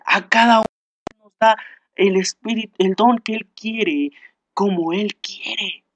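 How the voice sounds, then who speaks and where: This is a male preacher delivering a sermon. He reads Bible verses aloud, then explains them in his own words. He often stumbles and restarts, and he slows down to stress key phrases. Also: sits high.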